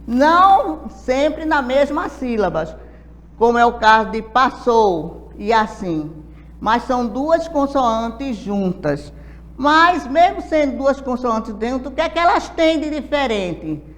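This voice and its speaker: A woman teacher from Brazil gives a patient adult literacy lesson at a very unhurried pace, pausing to ask if her students follow. Her voice sits a little high, and a long reverb trails behind every word. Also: lively intonation. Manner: patient, explains step by step with check-in questions.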